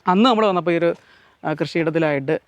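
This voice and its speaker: കേരളത്തിൽ നിന്നുള്ള ഒരു പുരുഷൻ, മലയാളി ഉച്ചാരണത്തോടെ, ഒരു കൃഷിയിടത്തിൽ നിന്ന് ക്യാമറയോട് സംസാരിച്ച് കാഴ്ചകൾ വിശദീകരിക്കുന്ന vlogger. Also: male voice, a little high, quick pace, no echo. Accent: Malayali. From Kerala. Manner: chatty, explains to viewers and mixes in Tamil words. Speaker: vlogger. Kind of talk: casual walk-through vlog. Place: outdoors on a farm.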